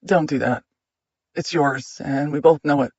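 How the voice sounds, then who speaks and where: A man voicing a shaken young wife who keeps her voice flat and controlled, in a gravelly, husky voice with a dry, muffled sound. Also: on the high side, measured pace, dry recording. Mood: guarded. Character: wary, shaken young wife holding steady.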